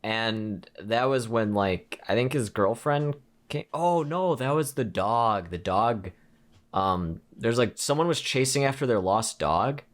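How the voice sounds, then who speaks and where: A young man co-hosts a podcast, recapping a horror film in a loose, rambling way packed with filler words. His medium-pitched voice is expressive and a little slow, suited to this casual movie-review chat.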